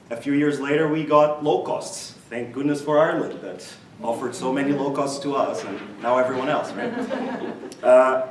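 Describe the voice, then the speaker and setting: A man's voice: medium pitch, far from the mic, slight background noise. Reflective man speaking from across an echoey room. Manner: reflective, self-deprecating humor. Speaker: interview guest. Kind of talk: conversational interview answers.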